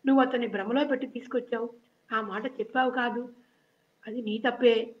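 A woman's voice: on the high side, steady tone, brisk, roomy sound, close to an everyday voice. Woman reading a fretful lovesick princess. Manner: fretful, self-reproaching. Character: lovesick young princess, restless and shy. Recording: dull lo-fi recording.

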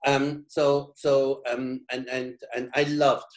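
A man's voice: medium pitch, level tone, slow pace, low-quality recording. Hesitant middle-aged man from Belgium. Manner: hesitant, many restarts and fillers. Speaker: interior design studio head. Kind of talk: casual interview answers. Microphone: video call from a home living room.

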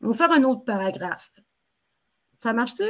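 A woman with a Québécois accent reading her own novel aloud on a live stream, telling it dramatically in a child's first-person voice, with sudden loud pleas. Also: a little high, expressive, moderate pace. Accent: Québécois French.

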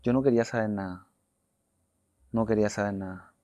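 A man, a former footballer telling his story as an interview guest; he talks earnestly, repeats his phrases and often drops to a soft low voice. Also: fairly even intonation, fairly quick, no echo. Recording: dull dry studio sound.

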